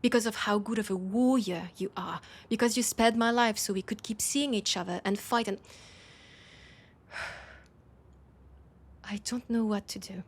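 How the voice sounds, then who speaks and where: In an intimate audio drama, a woman with a French accent plays a proud but desperate vampire leader. Her mid-range voice sounds reluctant and exasperated. Her delivery is hesitant and halting, with breathy asides that slip into whispers.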